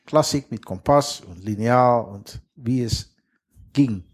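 A middle-aged man from the western Netherlands, a lifelong sailor appearing as a guest in a casual interview, speaks plain German with grammar slips and a strong Dutch accent. His voice is husky and medium-pitched, and he talks slowly.

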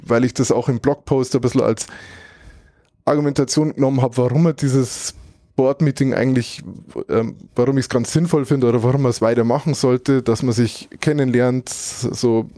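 Speaking loosely, a German man offers a casual conversational recap, thoughtful and a bit rambling, groping for words mid-sentence. His medium-pitched voice is dark and mellow, with fairly even intonation and a moderate pace, recorded dry and close with no room sound.

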